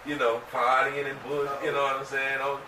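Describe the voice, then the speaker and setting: A man taking part in a bible study, reading a verse haltingly and adding casual remarks and short agreements. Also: medium pitch, flat delivery. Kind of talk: casual group discussion. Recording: roomy room, distant mic, faint noise.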